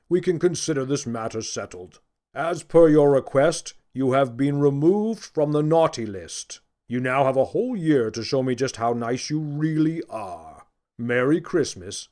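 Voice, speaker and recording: A man performs an old Santa Claus for a children's storybook. He is stern and indignant, scolding slowly and formally, with every word deliberately placed. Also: mid-range voice, a little mellow, natural voice.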